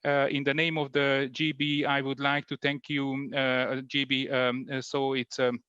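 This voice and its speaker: A man with a delivery closing an online conference as host, halting with many fillers and restarts. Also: medium pitch, completely flat delivery, bright, forceful tone, clear, resonant tone, dry recording, highs cut off. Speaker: event host.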